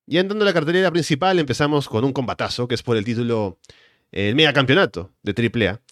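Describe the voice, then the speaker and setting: A man's voice: medium pitch, expressive, fast talker, no echo. Male podcast host, mid-range voice, dry recording, conversational sports recap delivery.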